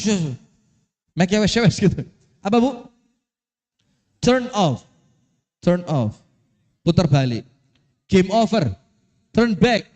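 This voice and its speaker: Animated Javanese preacher in a reverberant hall. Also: male voice, sits high. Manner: animated storytelling, acts out voices, asks audience questions. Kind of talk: lively Islamic sermon. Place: mosque hall.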